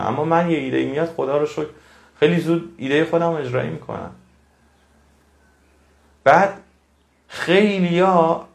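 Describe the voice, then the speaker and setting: An earnest male motivational speaker talks straight to his audience, preaching and repeating phrases to drive home a point. His mid-pitched voice sounds roomy, with a clear echo around it.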